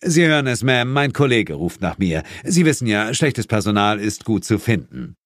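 A man's voice: lowish voice, big pitch swings, moderate pace, dry recording, studio quality. Cocky ghost hunter guy cracking jokes narrator voicing, bouncy delivery. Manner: flippant, wisecracking.

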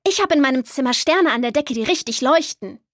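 A woman voicing an excitable young boy who is quick to anger. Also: high-pitched, no room sound, studio quality, pitched above the performer's own voice. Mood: keen.

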